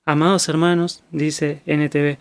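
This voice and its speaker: A man preaches an expository lesson with a Rioplatense Spanish accent. His voice sits slightly high, and he moves through the text in a calm, orderly way. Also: gravelly, smooth. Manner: measured, methodical explanation. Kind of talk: expository Bible teaching.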